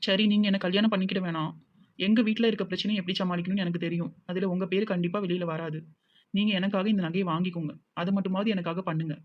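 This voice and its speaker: A devoted young village woman with a Tirunelveli accent, as a voice actor plays her in a cartoon. She talks quickly in a gentle, comforting voice and keeps insisting. The sound is dull and lo-fi. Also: medium pitch, fairly even intonation, natural voice. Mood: insistent. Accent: Tirunelveli Tamil.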